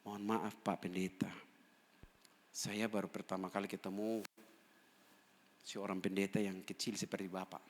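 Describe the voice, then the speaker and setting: A man's voice: medium pitch, moderate pace, pauses often, slight background noise, lightly acted. Humble apologetic man, as a preacher quotes him. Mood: polite, hesitant. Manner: hesitant, polite asking. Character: humble, apologetic male newcomer. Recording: church hall reverb.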